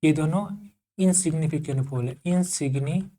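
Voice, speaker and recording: A man's voice: a little high, mellow. A man teaching an electrical engineering class, asking the class questions and repeating key terms as he dictates notes. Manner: dictates slowly for note-taking.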